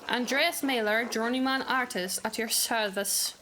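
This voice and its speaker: A woman's voice: on the high side, unhurried, pushed and bright, slight background noise, rough recording. A woman voicing a courteous young male journeyman artist from a video game, reading his lines aloud. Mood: polite.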